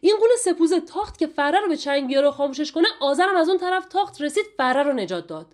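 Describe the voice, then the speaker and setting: Woman retelling an epic with a lively voice. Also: high voice. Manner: lively, chatty storytelling. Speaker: Shahnameh reader and explainer. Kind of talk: storytelling lesson.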